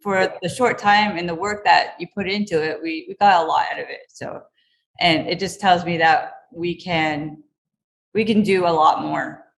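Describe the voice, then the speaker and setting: Low-voiced chatty woman. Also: steady tone, normal speed, gravelly. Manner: warm, chatty, filler-heavy. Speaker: guest, karate school co-owner. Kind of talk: casual interview chat.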